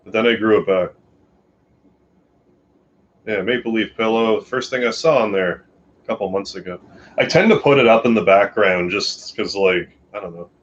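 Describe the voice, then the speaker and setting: Man from Canada, live streamer, low voice, sleepy rambling chat, dull lo-fi audio. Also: normal speed, long pauses. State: tired. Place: home bedroom.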